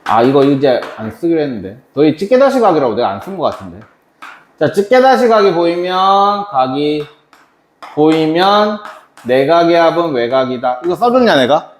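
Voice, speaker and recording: Lively-voiced male math teacher, echoey room. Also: fairly high pitch, moderate pace, slight background noise. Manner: chatty, quizzes students by name. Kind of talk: classroom math lesson. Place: classroom. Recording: echoey classroom.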